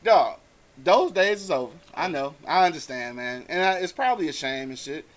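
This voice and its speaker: A man's voice: on the high side, expressive, moderate pace. Laughing, profane man co-hosting. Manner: loose, profane, laughs often. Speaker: co-host. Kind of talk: casual radio show chat.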